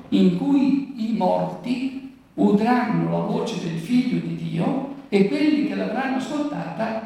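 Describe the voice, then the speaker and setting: A preacher explaining the Gospel gives a Bible commentary talk, posing rhetorical questions and then answering them. His medium-pitched voice is gravelly and a little mellow. He sounds far off in a very echoey room.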